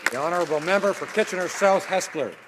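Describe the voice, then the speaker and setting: A man's voice: sits high, quick pace. A man formally calling on members as Speaker of a parliament. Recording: very noisy chamber with crowd din.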